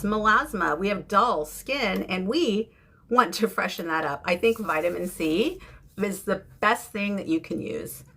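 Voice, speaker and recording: Casual beauty chit-chat comes from a livestream host in her fifties, talking informally to viewers with an American accent. She is from the UK and lives in San Francisco, and her mid-range voice has a sharp tone. Clear audio picks up background noise and room ambience.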